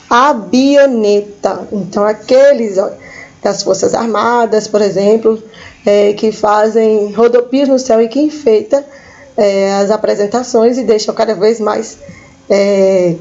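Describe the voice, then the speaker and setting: A woman's voice: mid-range voice, fairly even intonation, unhurried, mellow, lo-fi sound. A woman teaching a school lesson, patiently repeating each word for her pupils. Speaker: Spanish teacher.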